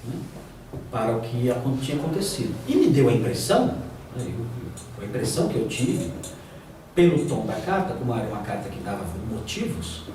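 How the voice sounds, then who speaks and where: Echoey pastor lecturing a class. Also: male voice, mid-range voice, big pitch swings, fairly quick, mellow. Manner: conversational, acts out quoted voices. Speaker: pastor teaching a preaching class. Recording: echoey room, distant mic, noisy.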